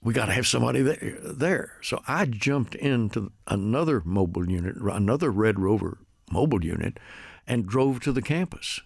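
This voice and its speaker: A man's voice: lowish voice, lively intonation, normal speed, creaky, breathy edge, no room sound, studio quality. A man, once a radio reporter, recalling events earnestly in a documentary interview.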